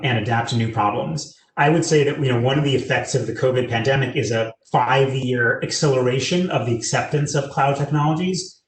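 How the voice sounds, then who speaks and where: Speaking as a tech company's public sector lead in a conversational panel interview, an American-accented man at medium pitch gives earnest, fluent answers peppered with "you know." The audio is poor and sounds roomy.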